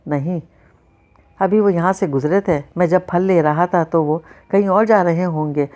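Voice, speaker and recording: A woman's voice: on the low side, darkish tone, lo-fi sound, close to an everyday voice. A woman voicing a teenage boy, an earnest younger brother who asks plain questions in an audiobook reading.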